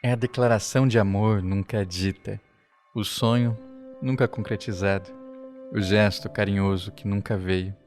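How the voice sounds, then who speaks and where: A man with a Brazilian Portuguese accent, narrating a documentary podcast in a slow, reflective way. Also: fairly low pitch, fairly even intonation, a little mellow. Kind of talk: scripted narration. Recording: faint music underneath.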